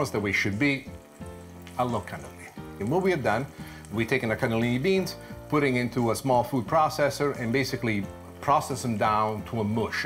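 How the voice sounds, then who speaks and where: A middle-aged man hosting a cooking show in a home kitchen, explaining each step expressively and asking himself rhetorical questions. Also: medium pitch. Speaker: TV chef host.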